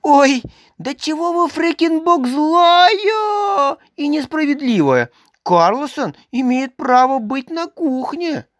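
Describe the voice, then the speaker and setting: Woman playing a small boy, high and tearful, pleading, storybook voice. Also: big pitch swings, takes it slowly, dry recording, studio quality, full character voice.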